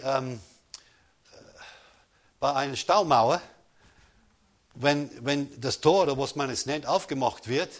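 Slow, emphatic male preacher. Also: fairly high pitch. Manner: preaching with call-and-response, slows for emphasis. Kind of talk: sermon.

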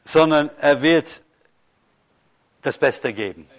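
Emphatic preaching pastor, slightly high voice. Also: male voice. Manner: preaching with emphatic slow stresses and rhetorical questions. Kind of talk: sermon.

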